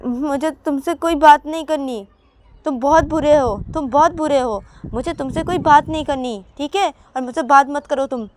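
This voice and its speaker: A woman's voice: a little high, moderate pace, warm tone, slight background noise, pitched above the performer's own voice, natural voice. A woman voicing a sulky, childish young woman who whines and repeats her complaints. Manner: whiny, repetitive pouting complaints.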